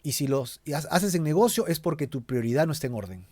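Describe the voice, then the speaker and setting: A pastor teaches a Bible study in an earnest voice that sits fairly high for a man, speaking straight to the listener. The sound is dry and close, with no room echo. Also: expressive, brisk, a little mellow. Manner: earnest, addresses listener directly.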